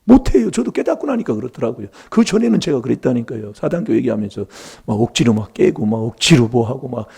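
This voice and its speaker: A man's voice: mid-range voice, expressive, fast talker, vocal fry, few pauses, warm tone, slightly rough. A middle-aged man preaching a sermon in a church, emphatic and prompting the congregation for replies.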